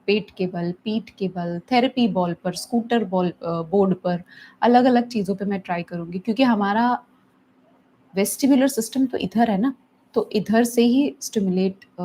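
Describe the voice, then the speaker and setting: A middle-aged woman therapist speaks to viewers in a live teaching session, at a medium pitch for a woman. She drops English phrases into her Hindi and now and then acts out an anxious parent in a sharper voice. There is a faint hum of background noise. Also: warm tone. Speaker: therapist answering viewers' questions.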